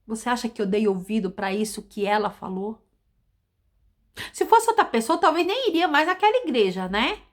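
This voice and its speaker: A high-pitched woman preacher in middle age delivers a testimony sermon. She repeats phrases over and over and swings between loud emphasis and hushed, intimate lines. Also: very animated, moderate pace.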